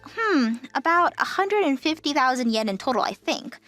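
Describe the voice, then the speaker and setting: Over soft background music, a woman voices a young travel agent in an anime-style manga dub. Her high-pitched, expressive delivery runs at normal speed, kind and professional, courteous and composed with gentle firmness.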